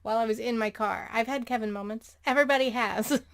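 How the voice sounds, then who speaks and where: A woman with a drawl reads funny stories aloud and comments on them. Her voice sits on the high side, and her delivery is wry and chatty. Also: quick pace, gravelly. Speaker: podcast host reading stories.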